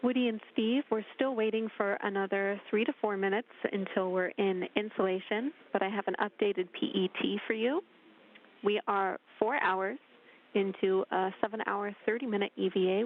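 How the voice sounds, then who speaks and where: A man from mission control giving steady, clipped technical updates to a crew over a thin space-to-ground radio link. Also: high voice, normal speed. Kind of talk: procedural radio calls to a crew. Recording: tinny narrowband radio loop.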